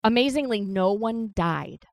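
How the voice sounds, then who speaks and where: A woman co-hosting a podcast, recounting a history story in casual chat as a lively storyteller who holds her ground against interruptions. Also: medium pitch, measured pace, creaky, dry recording. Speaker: podcast co-host.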